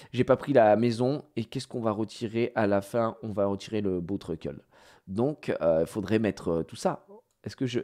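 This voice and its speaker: A man streaming live, chatting casually with his viewers, swinging from loud exclamations to mumbled asides and swearing now and then. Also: medium pitch. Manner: swears casually while fiddling with the computer.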